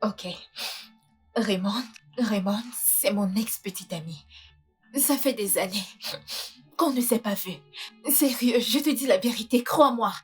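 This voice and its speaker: A woman's voice: medium pitch, unhurried, long pauses, breathy edge. A woman dubbing a young wife who pleads and stammers, with music behind her. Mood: pleading. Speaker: dubbing actress. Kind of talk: French film dub. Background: background music.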